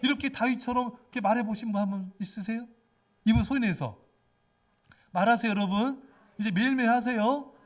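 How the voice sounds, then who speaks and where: Pastor guy preaching, high voice, fervent, keeps calling out to the congregation. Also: fairly quick, recorded from a distance. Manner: fervent, exhorting, repeatedly addresses the congregation. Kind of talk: sermon.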